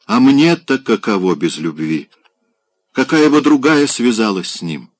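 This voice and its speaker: A man's voice: medium pitch, big pitch swings, a little slow, no echo, voice pushed up. A man voicing a passionate, restless married woman in an audiobook, pleading and melodramatic. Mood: bitter complaint.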